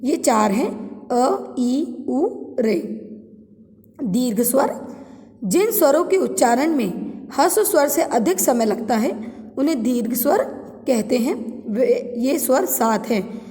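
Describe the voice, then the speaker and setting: A woman teaching a grammar lesson to students. She reads each definition, then repeats and explains it slowly in simpler words. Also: sits high, big pitch swings, mellow, long reverb tail. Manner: addresses students directly. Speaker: Hindi teacher.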